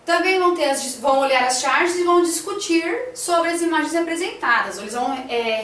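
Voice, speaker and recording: A woman's voice: high-pitched, a bit bright, reverberant, distant mic, a little hiss or hum. A woman teacher talking through a classroom lesson plan, hesitant, with many fillers and tag questions.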